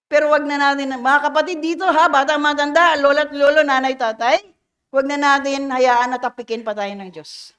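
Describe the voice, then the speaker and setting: Preaching on a Sunday, a Filipino-accented woman pastor in middle age mixes English into her Filipino sermon. She has a high, fairly bright voice and a playful, teasing manner, frequently questioning her congregation and laughing between points.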